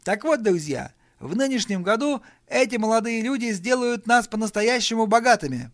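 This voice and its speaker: A man voicing a pompous, flustered young male impresario who makes loud, grand toasts. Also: high voice, sing-song, moderate pace, dry recording, clean studio sound, pitched above the performer's own voice. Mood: grandiose.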